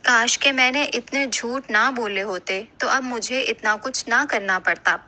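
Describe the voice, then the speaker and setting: A woman telling a children's animated moral story. Her delivery is clear and storybook-like, with a bright, slightly high voice. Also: rough recording. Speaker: narrator. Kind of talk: storybook narration.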